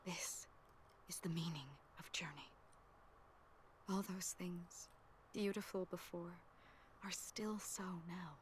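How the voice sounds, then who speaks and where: A hushed, half-whispered farewell narration. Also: female voice, lowish voice, slow, pauses often, slight background noise. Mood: wistful. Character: gentle young woman narrating a farewell. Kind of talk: soft breathy game narration.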